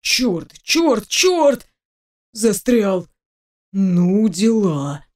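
A woman's voice: medium pitch, very animated, extremely slow, a little mellow, exaggerated voice. A woman reading aloud, voicing a flustered young male private detective who explains himself in a hurry.

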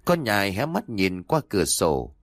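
A man tells a ghost story in a low, expressive voice with a lot of rise and fall. He reads the narration dramatically. The recording is dry and close. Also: moderate pace, dry recording. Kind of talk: audiobook horror narration.

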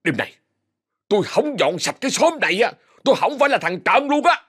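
A man's voice: sits high, sing-song, brisk, a bit bright, slightly rough, voice pushed up, heavily acted. A man voicing a panicky young male thief who wails, pleads and then brags. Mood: boastful. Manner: wailing, pleading, then boastful.

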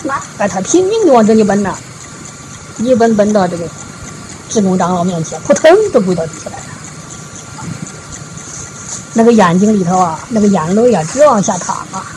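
A woman's voice: medium pitch, lively intonation, darkish tone, a little hiss or hum, rough recording. Woman telling a Buddhist parable. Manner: folksy retelling, frequent drawn-out 啊 particles. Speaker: Buddhist dharma teacher. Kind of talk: storytelling sermon.

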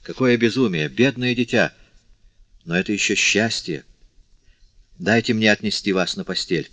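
A man's voice: on the low side, normal speed, fairly bright tone, no room sound, natural voice. A man reading the part of an anxious young man, asking urgent, worried questions, in a dry, slightly dull audiobook recording. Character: anxious young man tending a wounded girl.

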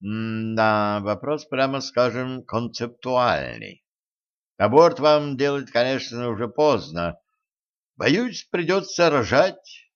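A man voicing a calm, tactful male doctor who speaks in a slow, measured, hesitant way, in a dull lo-fi recording. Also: mid-range voice.

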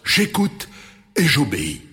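Ancient genie voiced by a man, grand and solemn, long echoey reverb, lively pitch. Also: slow pace, faint music behind, heavily acted. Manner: grand, ceremonious.

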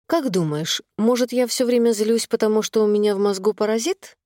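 A woman's voice: mid-range voice, fairly quick, dark tone, no echo, lightly acted. A woman reading aloud, voicing an exhausted, resentful young mother who talks in a dry, wry, defensive way. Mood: bitter.

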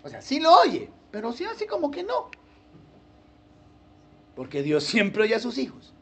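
A man's voice: very high-pitched, unhurried. A male pastor, preaching a sermon and acting out churchgoers in playful voices. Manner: animated, acts out churchgoers in funny voices.

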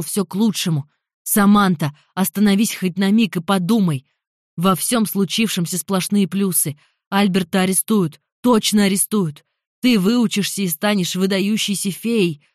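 A woman's voice: medium pitch, slow pace, dry recording, clean studio sound, natural voice. Woman doing a pushy invisible young man. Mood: urging. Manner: insistent, pressing, loud. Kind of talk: audiobook character voice.

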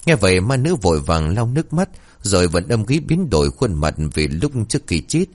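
Deep-voiced male ghost story narrator. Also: a little fast. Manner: lively, colloquial storytelling.

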